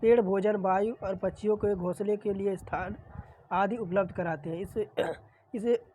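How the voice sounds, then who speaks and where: A woman teacher with a sore throat steadily reads out exam questions and explains the answers, clearing her throat often. Her medium-pitched voice is dark and steady, at a measured pace, on poor audio with a little hiss or hum.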